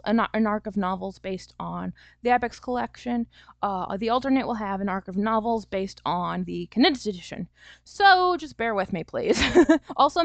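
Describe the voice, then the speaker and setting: Chatty woman author, slightly high voice. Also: no echo, highs cut off. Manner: chatty and loose, with many fillers and small laughs. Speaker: self-published author. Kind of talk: casual vlog talk.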